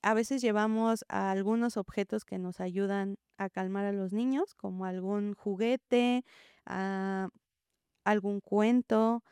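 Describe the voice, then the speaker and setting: A woman, a preschool teacher, explaining gently in an interview and acting out what children and teachers say. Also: medium pitch, smooth, dry recording, studio quality. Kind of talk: interview answer, calm explaining.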